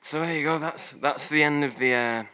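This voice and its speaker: Guy cohosting a podcast, giggly and sweary, kinda bright tense voice. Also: on the high side, moderate pace, clear, resonant tone. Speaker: podcast co-host. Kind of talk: casual chat.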